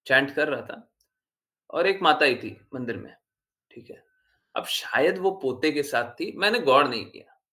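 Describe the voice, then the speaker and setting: A man's voice: mid-range voice, sharp tone. A man giving an earnest devotional talk to followers, explaining patiently and repeating his points for emphasis. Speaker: spiritual teacher.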